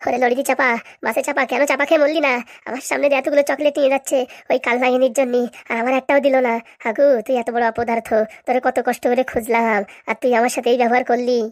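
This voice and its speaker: A woman voicing a bitter, quarrelsome young woman in a comic cartoon, given to loud cursing rants. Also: high-pitched, little pitch movement, fast, dry recording, studio quality. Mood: ranting. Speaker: cartoon voice actor.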